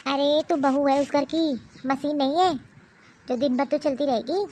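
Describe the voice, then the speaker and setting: A woman voicing a nagging, scolding old mother-in-law in an animated cartoon. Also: sits high, moderate pace, slight background noise, lightly acted. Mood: indignant.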